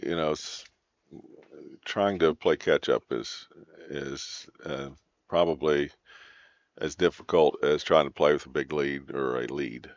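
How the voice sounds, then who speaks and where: A man giving low-key golf commentary in a measured, understated manner. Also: steady tone, no room sound, lo-fi sound.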